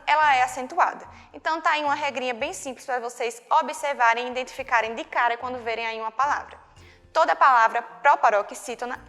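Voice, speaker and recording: A woman teaching a video lesson to young children, with a Brazilian Portuguese accent, patient and slow, often checking in with the class. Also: high voice, a bit bright. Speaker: primary school teacher. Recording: long hall reverb, faint music.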